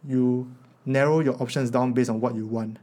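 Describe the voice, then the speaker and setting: A man's voice: mid-range voice, fairly even intonation, normal speed, dark tone. A man in his twenties with a Singaporean accent, giving casual advice in colloquial Singlish sprinkled with particles like lah and meh. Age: 20s. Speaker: podcast speaker, university student.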